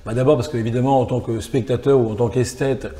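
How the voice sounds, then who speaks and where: In a small gallery salon, a middle-aged man interviewed as a philosopher reflects aloud in long, thoughtful sentences, layering clause on clause. He speaks fast, in a mellow mid-range voice with fairly even intonation.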